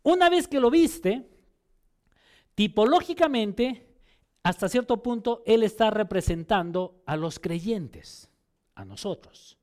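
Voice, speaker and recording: A man's voice: high voice, a little mellow. A man preaching a sermon, who often restarts and repeats words as he explains and asks his listeners rhetorical questions.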